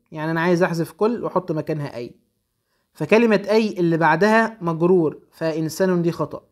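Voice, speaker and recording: A young man with an Egyptian accent, teaching an Arabic grammar lesson and working briskly through exam exercises, slowing to stress each answer. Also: high voice. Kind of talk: recorded exam-prep lesson.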